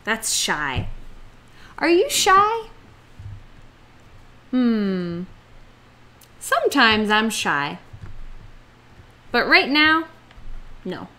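Very slow, lively woman teaching kids. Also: fairly high pitch. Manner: slow, exaggerated, playful delivery with acted-out feelings. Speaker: English teacher for children. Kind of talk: slow, expressive children's lesson.

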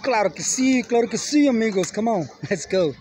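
A middle-aged man giving an excited, casual vlog commentary, exclaiming and repeating his phrases. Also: high voice, a little fast. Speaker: vlogger. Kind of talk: excited casual phone vlog, switching between two languages. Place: large outdoor stadium at night. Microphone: handheld phone. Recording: noisy phone recording, loud stadium crowd.

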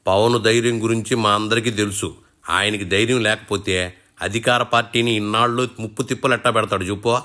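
A man's voice: fairly low pitch, fairly even intonation, quick pace, pushed and bright. A man hosting a satirical show, teasing and mocking his guest in rustic colloquial speech. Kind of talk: mock interview banter.

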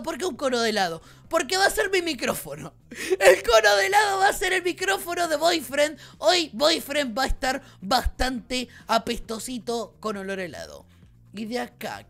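Gaming host: woman, Rioplatense Argentine accent, high and very animated, bubbly and shrieky. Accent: Rioplatense Argentine Spanish. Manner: bubbly, excitable, shrieks and laughs often. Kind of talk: excited gameplay commentary.

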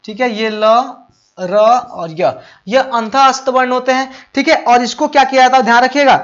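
Over muffled lo-fi audio, a man with an extremely high, slightly bright voice teaches grammar for a board exam. He poses his own questions and answers them, speaks to students fondly, and frequently makes sure they're keeping up.

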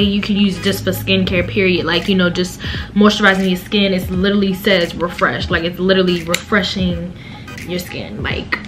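A young woman vlogging in a casual, chatty way, talking straight to her viewers with plenty of slang as she drives, does her makeup and shops. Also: medium pitch. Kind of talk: casual vlog chat. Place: car, then bedroom, then shopping mall.

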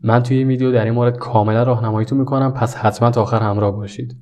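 A young man teaching a video lesson, talking directly and warmly to his viewers. His voice is mellow and relaxed, sitting at an ordinary middle pitch. He stays earnest and friendly throughout. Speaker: English teacher.

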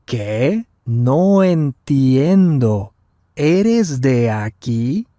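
Speaking extremely slowly in a mellow, medium-pitched voice with big pitch swings, a man voices Daniel, a curious traveler in his twenties. It's a scripted language lesson dialogue at slow and normal speeds, delivered carefully in clean studio sound with no room sound.

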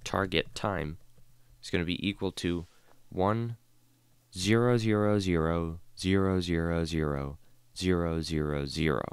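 Speaking low and smooth into a desk mic with no room sound, this coding tutorial host gives a relaxed screen-recorded lesson. He's tired, yawns, and reasons aloud with plenty of "um" and "uh" as he slowly reads the code line by line.

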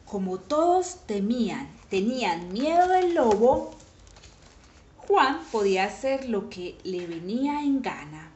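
Woman narrating a kids' tale: fairly high, lively voice with sudden shouted exclamations, in an echoey room. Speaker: storyteller. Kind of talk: reading a children's story aloud.

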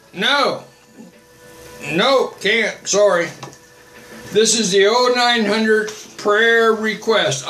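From a cramped home office, an older man who works as a missionary preaches and chats on a livestream, picked up by his desk webcam. He responds to viewers' comments in a blunt, repetitive way, his high, slightly bright voice echoing in the room.

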